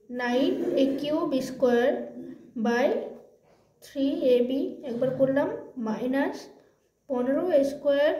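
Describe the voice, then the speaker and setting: High-voiced woman tutoring math, roomy. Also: dark tone. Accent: Bengali. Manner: talks through each step, asking and answering her own questions. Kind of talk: informal math lesson. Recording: roomy echo.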